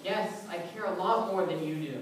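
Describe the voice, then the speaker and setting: An actor playing God, speaking calmly and gently in a church skit. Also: female voice, fairly low pitch, normal speed, lightly acted. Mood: patient. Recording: echoey room from far off, clear noise.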